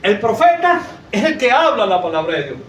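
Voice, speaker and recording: A man with a high voice preaches a sermon and keeps checking in with his listeners. He sounds like he is in a very echoey hall, picked up from well away from the mic. A faint hiss sits behind him. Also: very animated, brisk, fairly bright tone. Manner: conversational, asks the congregation questions. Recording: echoey, from far off, faint noise.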